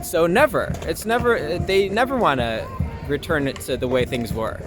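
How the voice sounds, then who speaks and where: Outdoors in an urban spot with loud music playing, a high-voiced young adult from Long Island, New York, talks expressively at a moderate pace. He's an actor and performer appearing as a guest in a casual street interview, speaking informally, opinionatedly and with mild profanity.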